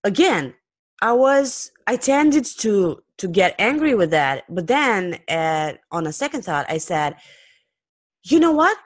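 A woman hosting her own podcast, talking off the cuff in a lively, jokey way with lots of fillers and restarts. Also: mid-range voice, measured pace, no room sound, clean studio sound. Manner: playful, jokey. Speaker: podcast host. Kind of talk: unscripted solo podcast talk.

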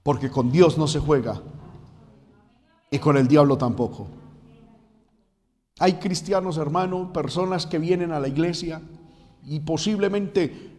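A man's voice: fairly high pitch, unhurried, long pauses, darkish tone, in a large hall. A man preaching an impassioned sermon, often addressing the congregation as brother.

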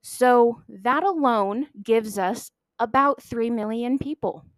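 A woman's voice: fairly high pitch, takes it slowly, loud music behind the voice. Emphatic woman narrating a history podcast. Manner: emphatic, stresses key words, self-deprecating asides.

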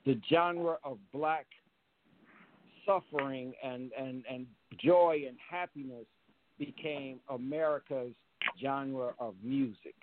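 A man's voice: medium pitch, steady tone, slow, a little hiss or hum. A man calling in, talking earnestly and repeating words as he restarts his sentences. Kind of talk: earnest call-in commentary. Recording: tinny phone-like line, dry.

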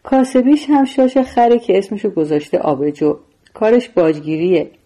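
A woman's voice: medium pitch, mellow, lightly acted, low-quality recording. A woman voicing a defiant, foul-mouthed male gangster who hurls scornful insults.

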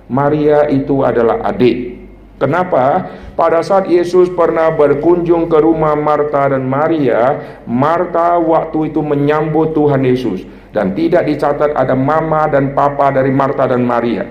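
Animated preacher in an echoey room. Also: male voice, fairly high pitch, highs cut off. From North Sumatra, Indonesia. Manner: animated, addresses the congregation as "saudara", rhetorical questions. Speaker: pastor. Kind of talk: sermon.

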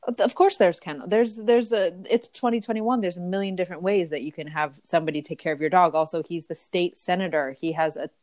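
Woman, very low voice, dry close-mic sound, animated casual chat. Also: fast talker, few pauses, no echo. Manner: animated, reacts with disbelief, repeats words. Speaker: podcast co-host.

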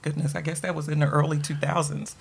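A middle-aged woman, a guest author on a radio interview, telling a personal story in an animated way and acting out the voices of people she quotes. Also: sits low, fast, gravelly, husky.

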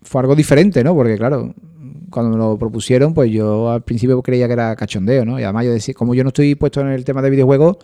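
Brief: man, guest musician, quick and chatty, dark mellow voice, dry close sound. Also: mid-range voice, steady tone, dry recording. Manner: chatty, rambling, lots of fillers. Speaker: guest musician, cornet player. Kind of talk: casual radio interview.

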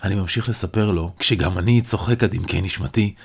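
A man narrating a novel aloud in the first person, in a measured, reflective way. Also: deep voice, gravelly, husky. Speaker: audiobook narrator.

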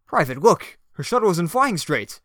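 A man's voice: sits high, big pitch swings, normal speed, fairly bright tone, dry recording, clean studio sound, heavily acted. A man playing a bombastic, patriotic space captain with earnest, overblown heroics. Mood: urgent. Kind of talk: comedy audio drama acting.

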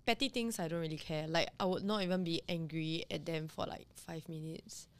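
Low-voiced woman rambling on a podcast, likes to say "like" a lot. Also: fairly even intonation, brisk, smooth. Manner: chatty, filler-heavy, lots of "like". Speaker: podcast co-host. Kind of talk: casual chat.

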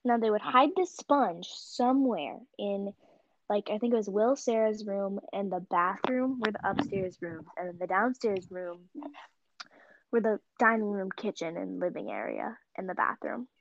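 A teenage girl chatting casually and telling stories with lively gasps and laughs. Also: medium pitch, unhurried, no room sound. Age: teens. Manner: animated storytelling with gasps. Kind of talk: casual chat. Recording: dull lo-fi mic.

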